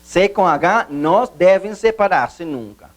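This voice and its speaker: A man giving a video language lesson, explaining slowly, repeating himself, and stressing key points. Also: sits high, animated. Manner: slow, repetitive, emphatic teacher's explanations. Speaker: Portuguese teacher.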